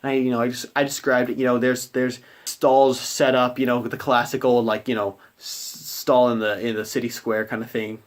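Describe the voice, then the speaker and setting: A man's voice: medium pitch, flat delivery, moderate pace, hardly any pauses. A man, a game master, retelling a tabletop game session in a rambling way, full of fillers. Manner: rambling, many fillers like "you know".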